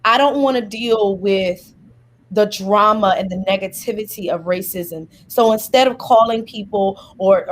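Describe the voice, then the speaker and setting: A woman's voice: medium pitch, a little hiss or hum. A woman guest in a conversation, explaining her view thoughtfully with a lot of "like" and "kinda.". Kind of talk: casual conversation.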